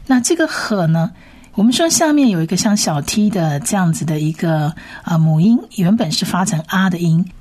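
A woman teaching how to read Hebrew words, spelling out each sound and repeating it slowly. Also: fairly low pitch, animated, darkish tone. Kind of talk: slow reading lesson.

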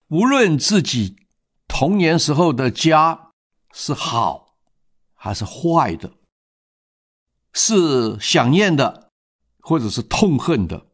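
A man narrating a moral story in a measured, reflective manner. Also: fairly high pitch.

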